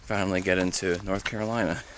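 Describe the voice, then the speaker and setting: A young man with a lowish voice talks into a handheld camera out on a mountain trail, stopping and starting with plenty of ums. He sounds a little winded at times from the climb. Steady outdoor noise sits clearly behind him. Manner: halting, many fillers, easygoing. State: out of breath while hiking uphill. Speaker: thru-hiker vlogger. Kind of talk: casual trail vlog.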